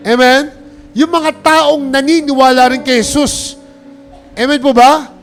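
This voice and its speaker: A man's voice: extremely high pitch, steady tone, unhurried, fairly bright tone, faint music behind. A pastor preaching a sermon, calling out to the congregation and mixing English phrases into his talk. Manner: preaching with call-and-response, urging applause.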